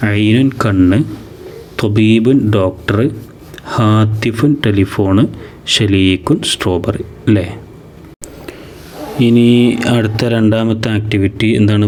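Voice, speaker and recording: Male Malayali teacher, smooth and clear, slow and patient with children's exam words. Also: fairly low pitch, darkish tone. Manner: patient, drawn-out slow reading of each word, then quick explanation. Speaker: madrasa teacher. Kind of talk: exam preparation lesson.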